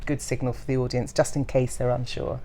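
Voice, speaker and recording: A woman's voice: rumbling low, little pitch movement, a little fast, dark tone. A woman stage actor musing and hedging in a casual interview.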